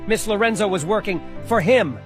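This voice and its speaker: A man's voice: sits high, moderate pace, over music, lightly acted. A man playing a greedy, contemptuous rich heir in a scripted drama, scornful and dismissive.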